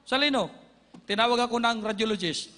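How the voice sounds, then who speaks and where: Very high, bright-voiced man testifying in a hall. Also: fairly quick. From Philippines. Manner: dramatic storytelling with sound effects and shouts of praise. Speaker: church member giving testimony. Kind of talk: animated church testimony. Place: church hall. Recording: reverberant hall.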